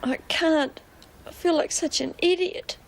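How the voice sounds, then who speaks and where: A woman's voice: extremely high pitch, measured pace. An actress playing a shy young female prisoner who is insecure and hesitant. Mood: sheepish. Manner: hesitant and self-deprecating. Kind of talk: 1980s television drama acting.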